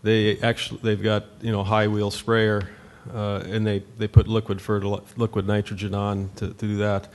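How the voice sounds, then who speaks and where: A middle-aged farmer from North Dakota speaks at a meeting-room podium, his voice sitting on the low side. He talks plainly and loosely, circling back with fillers and restarts. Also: little pitch movement, moderate pace, few pauses. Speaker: farmer panelist. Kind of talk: conference panel talk.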